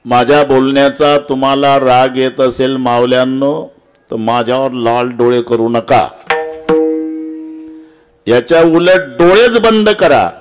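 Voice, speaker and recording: A man preaching a devotional kirtan sermon, swinging from low murmurs to high impassioned cries and asking the audience direct rhetorical questions. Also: a little slow, clean tone, soft background music.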